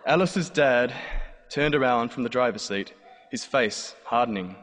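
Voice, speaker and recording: Unhurried and a bit bright, with medium pitch, an Australian man in his thirties spins a wry, dry comic story about himself on stage. A live audience fills the large hall, where the recording picks up long reverb and faint noise.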